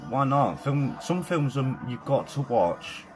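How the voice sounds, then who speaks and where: A man's voice: medium pitch, slow, soft background music. Chatty British man hosting a live stream. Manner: chatty, excitable, swears casually, says mate and man. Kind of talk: casual live-stream chat.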